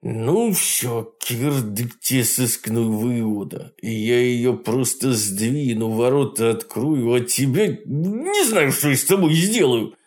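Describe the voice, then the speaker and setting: A man's voice: medium pitch, animated, slow, few pauses, darkish tone. A man voicing a boastful, grumpy old male sorcerer-villain in an audiobook, blustering and indignant, squealing when hurt. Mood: menacing. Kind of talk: audiobook character voice.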